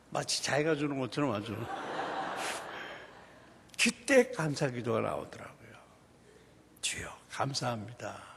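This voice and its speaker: A man with a high, husky voice tells his church testimony as a story. His pitch leaps up and down as he acts out the people in it. A long reverb hangs on his words, as in a large hall. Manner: animated storytelling, acting out quoted dialogue. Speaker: church deacon giving a testimony.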